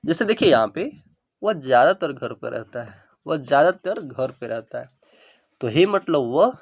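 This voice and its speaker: A man teaching English through Hindi, speaking. He repeats each English sentence slowly, word by word, and fills gaps with frequent okays. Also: mid-range voice, big pitch swings, creaky, highs cut off. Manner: frequent ok and now look fillers; speeds up for asides. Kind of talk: spoken English lesson in Hindi.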